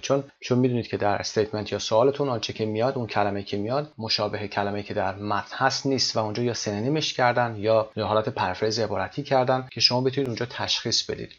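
A man teaching English exam reading, reading English phrases slowly and then explaining them. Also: on the low side. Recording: dull lo-fi recording.

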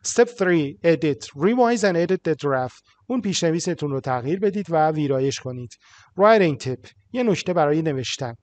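Persian-accented man teaching English slowly. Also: fairly high pitch, animated, a little mellow. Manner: reads English slowly and clearly, then translates quickly with fillers. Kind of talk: textbook lesson, reading English then translating.

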